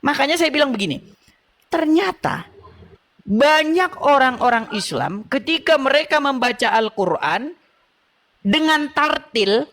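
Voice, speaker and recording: High-voiced woman lecturing in a debate. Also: lively intonation, unhurried, long pauses, fairly bright tone. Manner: persistent, lecturing, with anecdotes and laughter. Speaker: channel host in religious debate. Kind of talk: debate call.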